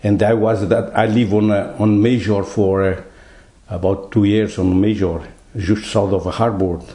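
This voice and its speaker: An older man from Portugal with a Portuguese accent, telling his story in an interview in halting, broken English with many repeated words. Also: lowish voice, little pitch movement, mellow, reverberant, poor audio. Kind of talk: oral history interview.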